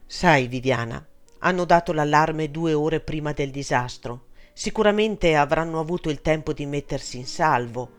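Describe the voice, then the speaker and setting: A man voicing a calm, reassuring mother superior nun who speaks gently. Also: a little high, moderate pace, clear, resonant tone, soft background music, lightly acted.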